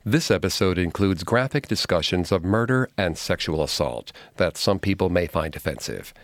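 An American man co-hosting a true crime podcast, narrating from a script in a measured, dramatic way. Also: sits low, lively intonation, no echo.

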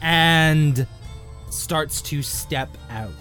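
A man improvising tabletop game narration as game master, descriptive and halting, with drawn-out pauses. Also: fairly high pitch, fairly bright tone. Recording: faint music behind.

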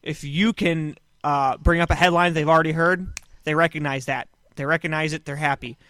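Rambling, deadpan podcast host man. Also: fairly high pitch, fairly quick, no echo. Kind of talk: casual chat. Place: small room on a couch.

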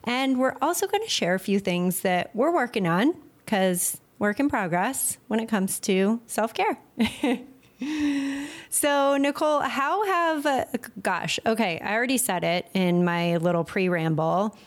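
A woman's voice: medium pitch, animated, unhurried. Rambling, friendly woman podcast co-host. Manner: warm-hearted, rambling, laughs often. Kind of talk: casual chat.

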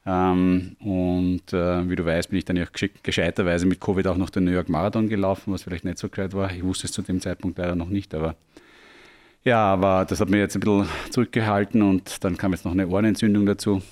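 An Austrian man with a fairly low voice speaks in a casual podcast conversation. He slips English tech jargon into his relaxed, spontaneous explanations. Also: fast talker.

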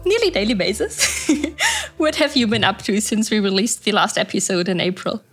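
A woman's voice: medium pitch, very animated, moderate pace, fairly bright tone, breathy edge, faint music behind. A woman co-hosting a podcast, speaking in a cheerful, breezy way and laughing easily. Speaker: podcast co-host. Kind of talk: casual podcast chat.

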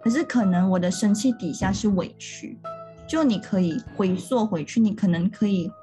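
A woman's voice: mid-range voice, moderate pace, warm tone, soft background music. A woman co-hosting a podcast, talking through ideas in an earnest, step-by-step casual chat. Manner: earnest, explanatory, talks through steps. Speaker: podcast co-host.

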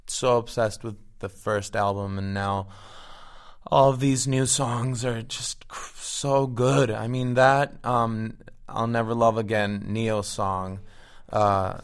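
A man's voice: medium pitch, steady tone, takes it slowly, clear, resonant tone. A man from Venezuela with a Venezuelan accent, an actor guest chatting eagerly and restarting his words often. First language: Spanish. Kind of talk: casual interview chat.

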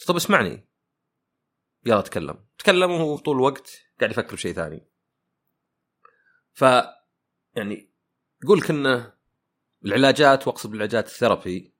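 A man's voice: fairly low pitch, fairly bright tone. A man hosting a podcast, thinking aloud in a casual reflective monologue full of fillers and rhetorical questions. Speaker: podcast host.

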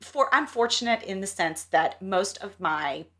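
A woman's voice: medium pitch, lively intonation, unhurried, bright, forceful tone. A middle-aged woman from the American South, talking in a casual, emphatic podcast conversation and laughing now and then. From Southern United States.

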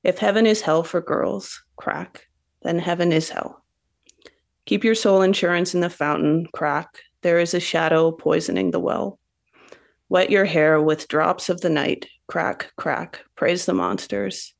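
A woman guest, a poet and novelist from Canada, gives thoughtful interview answers and reads poems. She speaks with a lowish, creaky voice in a steady tone and at a measured pace.

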